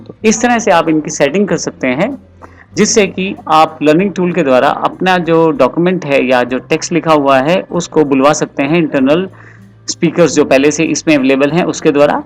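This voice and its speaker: Male computer tutor, slightly high voice. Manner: patient, step-by-step explaining. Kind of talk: software tutorial voice-over.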